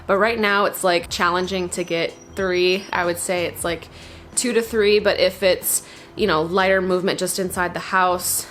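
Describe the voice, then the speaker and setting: A woman's voice: on the low side, a bit bright, a little hiss or hum. A heavily pregnant young woman talking casually to camera as a fitness vlogger, explaining things in an informal, conversational way. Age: young adult. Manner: conversational, informal, peppered with "like" and "you know". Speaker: fitness vlogger, workout demonstrator. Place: small home garage gym, indoors.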